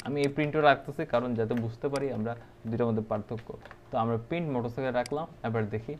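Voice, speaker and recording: A man's voice: mid-range voice, a little mellow, slight background noise. Man tutoring code, thinking aloud. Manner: unhurried, thinking aloud with many fillers and checks. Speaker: programming tutor. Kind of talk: casual screen-recorded coding tutorial.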